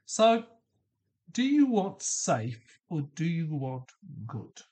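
Husky middle-aged man musing aloud. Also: on the high side, very animated, slow, warm tone. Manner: thoughtful, asks questions, light laughs. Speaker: podcast host. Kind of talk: reflective solo monologue.

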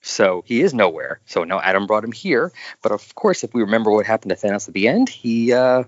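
A man of middling pitch talking casually about comics, rambling and cutting himself off to restart his sentences. The recording is dry and muffled, with a lo-fi dullness. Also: sing-song, a little fast, dry recording. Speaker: podcast co-host discussing comics. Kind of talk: casual chat. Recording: dull, dry lo-fi sound.

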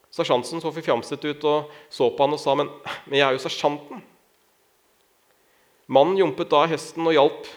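A man preaching as a pastor, telling stories and lifting his voice when he acts out shouting figures. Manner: storytelling, raises pitch when acting out shouts. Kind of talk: sermon.

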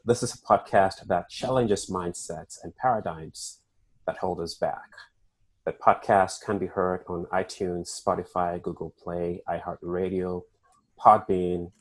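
A very deep-voiced man hosts an interview podcast, framing questions in a measured way. He pauses often with filler sounds as he introduces his guest. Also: slightly rough, low-quality recording. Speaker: podcast host.

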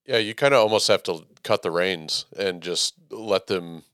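A man hosting a casual interview, talking in a measured, even way that he calls monotone himself. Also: low-pitched, dry recording, clean studio sound. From Texas. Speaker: podcast host, theater educator.

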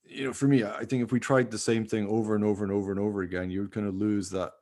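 A man whose voice sits on the low side talks very fast in a level, slightly mellow tone. He's a podcast host and radio play writer chatting casually, rambling and informal, with lots of "you know" hedges.

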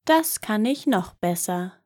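A woman's voice: medium pitch, expressive, slow pace, darkish tone. A woman doing a cocky fearless young man. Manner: bold, offhand and unimpressed.

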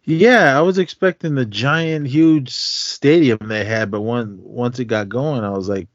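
A middle-aged podcast co-host chats in a casual, laid-back, slangy way. His mid-range voice is unhurried, and the recording sounds dull, lo-fi, dry, and close.

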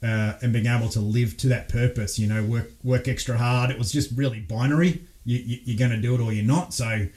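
An Australian man tells stories as a podcast guest, lively and quick to laugh, often restarting his sentences mid-thought. His voice sits at an ordinary middle pitch for a man, and he speaks like a former fighter pilot looking back on his early years. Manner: animated storyteller, laughs often, frequent restarts. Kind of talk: casual storytelling interview.

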